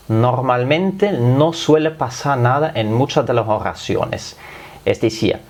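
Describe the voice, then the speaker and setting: A man's voice: mid-range voice, a little mellow. A man whose first language is German, speaking Spanish with a slight German accent, patiently teaching a language lesson step by step. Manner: patient, step-by-step explaining with frequent "es decir". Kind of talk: explanatory lesson.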